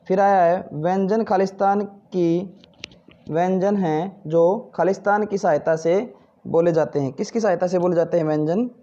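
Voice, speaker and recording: The recording is muffled, carrying a high-pitched, mellow male voice. A Hindi teacher patiently covers textbook exercises, questioning and then answering himself while repeating "ठीक है" and "भाई".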